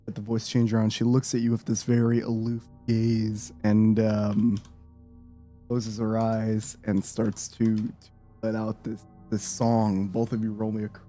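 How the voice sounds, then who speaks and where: Brief: male game master narrating through a deep pitch-shifting voice changer, slow and halting, mellow tone. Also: monotone, soft background music. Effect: voice changer lowering his pitch.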